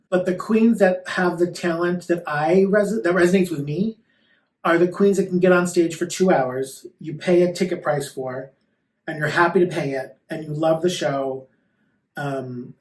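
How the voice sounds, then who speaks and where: A male drag queen answers questions in a casual, campy, sassy way. His voice sits somewhat high. The sound is roomy and echoing, with the microphone some distance away. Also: moderate pace. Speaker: drag queen performer being interviewed. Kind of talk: casual interview chat.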